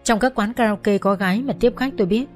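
A woman's voice: medium pitch, a little fast, a little mellow, faint music behind. A woman narrating a first-person audio story in a dramatic storytelling manner.

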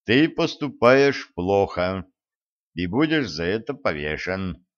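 A man's voice: fairly low pitch, sing-song, slow, lo-fi sound. A man voicing a blunt, stern wandering hero who speaks curtly, close to his own voice, in an audiobook. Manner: stern, curt.

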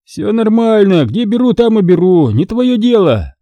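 A sluggish, careless young man, voiced by a male reader in an audiobook thriller. He stretches his words out in a slow, dismissive drawl at a raised pitch. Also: very animated, mellow, no room sound, dull audio.

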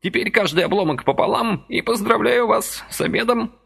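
A man voicing a fussy, excitable little old man in a high, animated, easily indignant voice for an audiobook. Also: brisk, gravelly, husky, heavily acted. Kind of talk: audiobook character voice.

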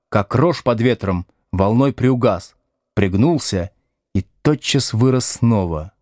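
A man reading a novel aloud as scripted narration with expressive storytelling. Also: medium pitch, no room sound, studio quality. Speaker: audiobook reader.

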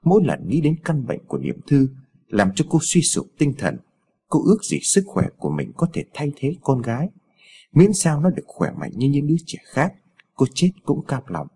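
A man narrating a story in an expressive, measured way with a husky voice. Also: fairly high pitch.

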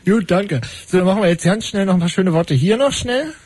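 Male call-in host, quick and wry, husky dry studio voice. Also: sits high, expressive, a little mellow, dry recording. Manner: brisk, wry, cutting callers short. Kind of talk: fast call-in radio show.

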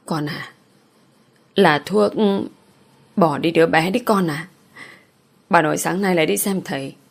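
A woman voicing a frightened pregnant village mother in an audiobook, pleading in a lowish voice. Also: a little slow, gravelly, husky, exaggerated voice. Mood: fearful.

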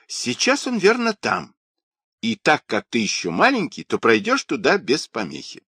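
A man's voice: medium pitch, wildly swooping pitch, moderate pace, pushed and bright, breathy edge, no echo, clean studio sound, voice pushed up, exaggerated voice. A man voicing an eager male passerby who gossips confidingly. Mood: gossipy.

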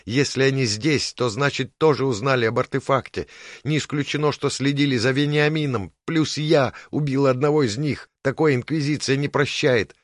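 A man's voice: medium pitch, moderate pace, dry recording, clean studio sound, pitched above the performer's own voice, natural voice. A man voicing a stern young female witch hunter who speaks in curt, tense lines. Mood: worried. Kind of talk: audiobook character voice.

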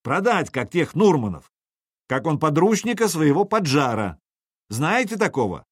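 A man doing a rousing young leader, booming. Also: big pitch swings, moderate pace, no echo, studio quality. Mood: declaiming. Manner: loud, declaiming. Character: bold young male leader rousing a crowd.

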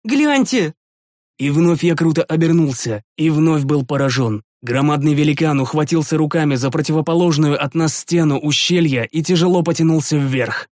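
A man's voice: a little high, fairly even intonation, fairly quick, few pauses, darkish tone, no echo. Dry-voiced male audiobook narrator. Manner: tense, dramatic first-person storytelling. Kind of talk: dramatic fantasy audiobook narration. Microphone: studio microphone.

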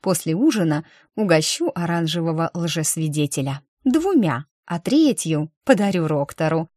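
Low-voiced woman narrating an audiobook. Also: animated, moderate pace, darkish tone, dry recording, studio quality. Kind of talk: first-person audiobook narration.

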